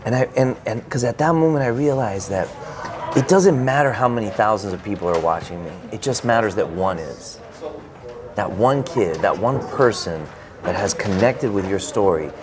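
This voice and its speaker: A man with a somewhat low voice tells a personal story as an interview guest. He acts out his own past reactions with lots of filler words and restarts. Steady background noise sits under the voice. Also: moderate pace. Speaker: author guest. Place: bookstore event space.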